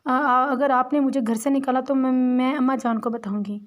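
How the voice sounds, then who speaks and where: A woman's voice: high voice, fairly even intonation, moderate pace, natural voice. Woman voicing a timid, stubborn young bride. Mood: pleading. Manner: stammering, pleading.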